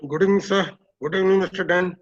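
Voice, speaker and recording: A man's voice: sits high, steady tone, very fast. A man formally introducing a lecturer as moderator of an online session. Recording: dull lo-fi online call.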